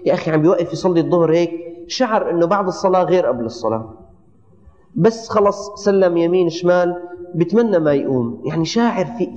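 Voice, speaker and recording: A man's voice: sits high, darkish tone, big-room sound, highs cut off. A man preaching a sermon, exhorting his listeners with rhetorical questions and repeated refrains.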